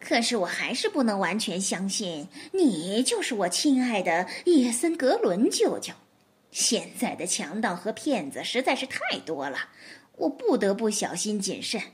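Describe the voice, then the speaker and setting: Storybook fox, sly and teasing, voiced by a woman, slightly lower than her own, lively and playful. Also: measured pace. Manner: teasing, mock-innocent. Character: sly mocking fox, head of the family.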